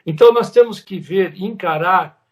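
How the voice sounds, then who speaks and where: A man's voice: high voice, moderate pace, highs cut off. A man with a Brazilian Portuguese accent giving a spiritual lecture at a spiritist center, talking conversationally and repeating words for emphasis.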